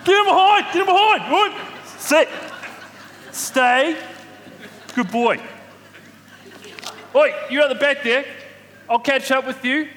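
A man acting out a rambling, excitable shepherd, his high voice ringing through a long, echoing hall. His bright, cutting tone carries loud whoops as he chatters on in a comic stage play. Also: slow, pauses often, a little hiss or hum, heavily acted. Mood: bossy. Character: excitable chatty male shepherd, middle-aged. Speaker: shepherd character in a church Christmas play. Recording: echoey hall reverb.

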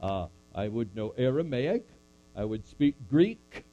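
A man's voice: mid-range voice, big pitch swings, slow, warm tone, highs cut off. A man voicing a puppet of an older apostle who preaches and then answers audience questions with dry jokes. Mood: playful. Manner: preachy, dryly joking, speaks to a crowd. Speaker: puppet performer. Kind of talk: church puppet skit with scripture recitation.

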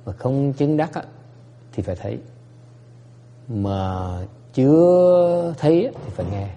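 A man's voice: medium pitch, animated, slow pace, mellow. A man giving a Buddhist teaching, moving between English and Vietnamese with frequent fillers and questions to the audience. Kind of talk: bilingual dharma talk. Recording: long hall reverb.

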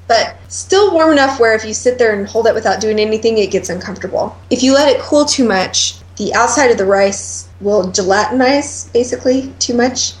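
A woman's voice: mid-range voice, echoey room, poor audio. A woman in her thirties co-hosting a casual podcast chat, explaining things step by step with a chatty, teasing manner. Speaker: podcast co-host.

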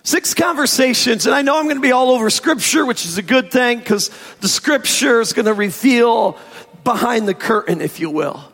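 A man preaching as a pastor in a hoarse, strained voice, emphatic and informal, stretching key phrases for effect. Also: very high-pitched, expressive, normal speed, a bit bright. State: hoarse, strained sore throat. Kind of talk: sermon. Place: church service, amplified in a large room. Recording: echoey large hall reverb.

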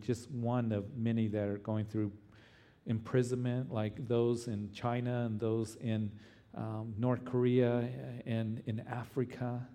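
Earnest, pleading man praying in low-key tones. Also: dark tone. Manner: halting, repeatedly addressing the Lord. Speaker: pastor leading a church service.

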